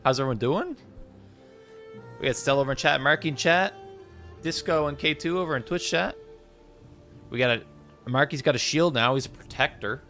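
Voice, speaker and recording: A man's voice: a little high, moderate pace, long pauses, bright, forceful tone, faint music behind. A man with a cold and a congested voice, chatting casually with viewers as he streams a game. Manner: chatty, rambling, greets chat by name. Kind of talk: casual live-stream chat.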